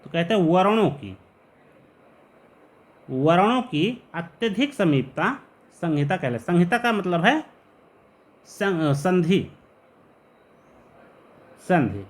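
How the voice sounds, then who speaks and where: A man teaching Sanskrit grammar to students, patiently explaining rules and slowly repeating key terms. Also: high voice, sing-song.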